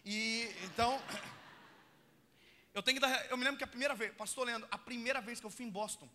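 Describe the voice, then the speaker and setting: Fast, bright-voiced preacher man in a hall. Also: extremely high pitch. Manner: animated, builds to shouting peaks, laughs at his own stories. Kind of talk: sermon with personal storytelling. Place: church hall. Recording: long church hall reverb.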